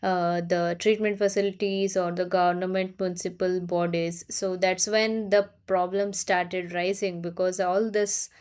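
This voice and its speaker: A woman's voice: on the low side, little pitch movement, unhurried, few pauses, darkish tone, clear, resonant tone. Earnest woman hosting an interview. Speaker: host. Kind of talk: casual interview conversation.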